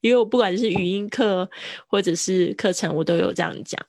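A woman teaching English vocabulary on a livestream, mixing English words into chatty Chinese explanations and slowly drilling pronunciation. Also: mid-range voice, darkish tone, no echo. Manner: laughs easily, drawn-out word drills.

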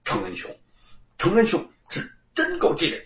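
A man's voice: sits high, huge pitch swings, moderate pace, a bit bright, distant mic, a little hiss or hum, voice pushed up, heavily acted. A man voicing an eager, loyal young scholar friend in an audiobook story, cheering on. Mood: excited. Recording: roomy, slightly dull recording.

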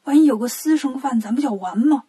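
A woman's voice: sits high, lively intonation, fast, warm tone, slightly rough, heavily acted. A woman voicing a timid male monk disciple in a children's storybook, in whispered role-play. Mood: nervous. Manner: whispering nervously.

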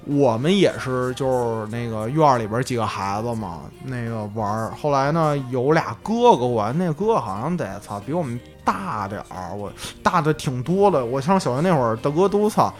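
A man with a Beijing accent chatting casually as a podcast co-host, telling childhood stories in an animated way and swearing freely. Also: mid-range voice, moderate pace, few pauses, soft background music.

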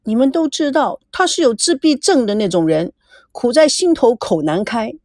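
A woman's voice: on the high side, expressive, moderate pace, darkish tone, dry recording, clean studio sound. A woman doing a pouting, childlike young woman. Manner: whiny, tearful, pouting.

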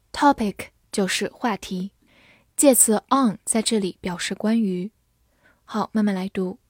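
For English learners, a woman reads example sentences slowly and carefully and spells words out letter by letter. Her medium-pitched voice has a darkish tone, captured in studio quality with no room sound.

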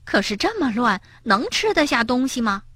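A woman voicing a small excitable rabbit child in a storybook reading, breathy and quick to scold. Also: dry recording, studio quality. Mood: weary. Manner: shrill, indignant outbursts.

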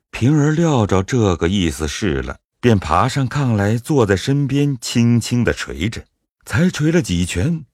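A man narrating an audio drama in a measured storytelling manner. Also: medium pitch, darkish tone, dry recording, studio quality.

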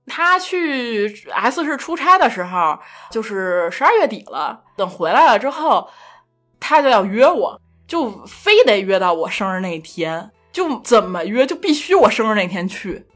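A young woman guest telling a self-mocking love story in casual chat, animated and laughing often. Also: on the high side, unhurried, soft background music. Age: young adult. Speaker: podcast guest.

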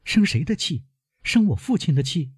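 A man's voice: on the high side, big pitch swings, moderate pace, husky, no room sound, clean studio sound, pitched above the performer's own voice. A man voicing an anxious, devoted young granddaughter who keeps pressing her questions urgently. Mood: anxious pleading.

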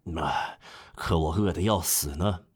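Man doing a worn-out proud male traveler, deep voice, quiet, insistent, audiobook character. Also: unhurried, breathy edge, full character voice. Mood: pleading. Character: weary hungry male traveler, stubborn and proud.

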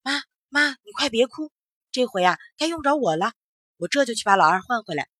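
A woman's voice: fairly high pitch, sing-song, brisk, fairly bright tone, husky, no room sound, clean studio sound, heavily acted. A woman voicing a caring eldest brother who talks urgently and repeats himself in a children's story.

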